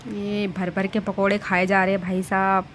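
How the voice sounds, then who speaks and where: A woman's voice: medium pitch, level tone, moderate pace, slight background noise. A woman in her thirties, a vlogger, chatting casually and with amusement as she walks through her wedding photos.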